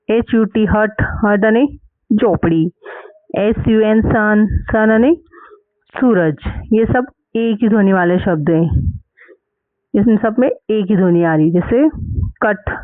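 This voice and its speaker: Slow-spelling man with a high voice. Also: no room sound, phone-quality sound. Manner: spells words letter by letter, then repeats and translates. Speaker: English teacher. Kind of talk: slow spelled-out phonics lesson.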